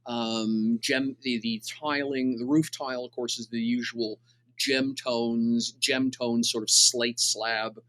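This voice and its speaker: A man's voice: medium pitch, steady tone, slow pace, pushed and bright. A man as game master, describing a scene unhurriedly with many fillers and restarts. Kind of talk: narrating a tabletop game.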